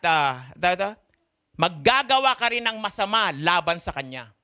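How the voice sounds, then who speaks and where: A Filipino man preaching a sermon in a mix of Tagalog and English, often asking his listeners questions. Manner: mixes Tagalog and English, asks the congregation questions; slow, emphatic delivery with sharp swings in pitch and volume.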